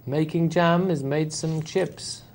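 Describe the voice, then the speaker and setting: Earnest poker co-commentator. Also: male voice, fairly high pitch, fairly even intonation, takes it slowly, darkish tone. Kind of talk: live poker commentary with banter.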